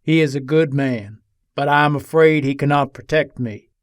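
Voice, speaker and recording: In a dramatic reading, a man plays a beleaguered Old West gunslinger pleading his case from jail in formal, old-fashioned storytelling. His mid-range voice, close to an everyday one, moves at a moderate pace in a dry, studio-quality recording. The mood is grim and resigned.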